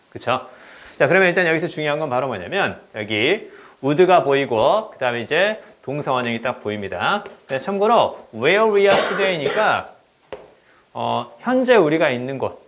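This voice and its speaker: Lively man giving a grammar lecture. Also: on the high side. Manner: lively, repeats "그쵸?" to check understanding; reads English examples slowly and stressed. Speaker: English teacher. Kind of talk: exam-prep grammar lecture.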